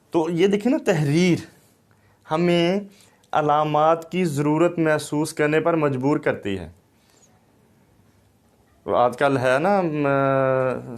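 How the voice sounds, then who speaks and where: A man lectures in an unhurried, measured way. His pitch sits in an ordinary middle range for a man. He lays out each point with care, like a teacher at a board. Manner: slow, deliberate explaining with anecdotes. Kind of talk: recorded lecture.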